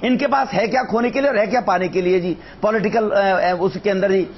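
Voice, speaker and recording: A man's voice: high-pitched, brisk, slight background noise. A man speaking as a party general secretary on a heated TV debate panel, combative and interrupting, repeating his points. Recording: dull lo-fi broadcast audio.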